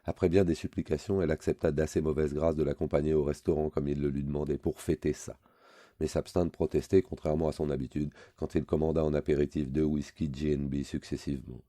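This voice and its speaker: Man reading a novel aloud, measured, very deep voice, dark tone, dry studio. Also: steady tone, no room sound. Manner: measured, literary. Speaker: audiobook reader.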